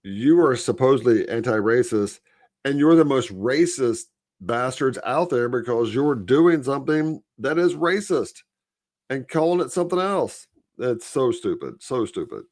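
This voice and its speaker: A man co-hosting a podcast, talking politics in a blunt, profane, casual way and letting his phrase ends drop low. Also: animated, measured pace, a little mellow, dry recording, clean studio sound. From Florida. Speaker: podcast co-host.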